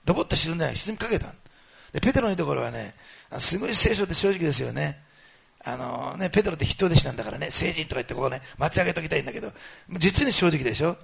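A man preaching a sermon to his congregation, telling the story in a lively way that swings between loud exclamations and quiet asides. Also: fairly high pitch, very fast, gravelly, breathy edge. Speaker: pastor.

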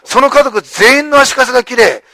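A male pastor preaching a sermon with animated storytelling, acting out the lines of the people in the story. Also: extremely high pitch, normal speed, dry recording.

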